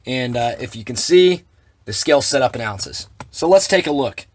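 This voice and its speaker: A man's voice: mid-range voice, animated, moderate pace. A man walking through a hands-on equipment demonstration, talking plainly with dry sarcastic asides. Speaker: shotgun reloading demonstrator.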